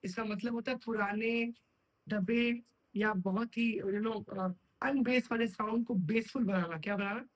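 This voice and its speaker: A man lectures on computer science to a class, stopping frequently to quiz students with check questions. He speaks in a high voice at an unhurried pace, captured on a low-quality recording.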